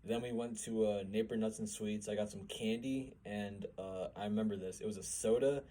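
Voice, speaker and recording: A man's voice: fairly low pitch, steady tone, normal speed, dark tone, a little hiss or hum, low-quality recording. A young man, a podcast co-host, telling a story in casual chat, swearing and laughing as he goes.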